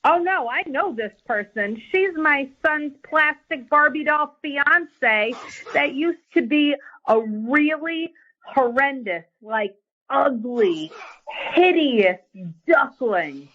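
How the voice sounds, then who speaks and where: A middle-aged woman, the target of a prank call, speaks on the phone in a high, expressive voice at a slow pace. She sounds curt, haughty and scornful, and music plays in the background.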